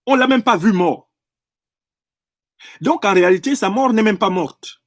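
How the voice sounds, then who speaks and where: A political commentator delivers an impassioned, professorial monologue, emphatically rephrasing and repeating phrases to drive home each point. His voice sits high for a man, expressive with wide pitch swings, at a measured pace. The recording is dry and close, with no room sound.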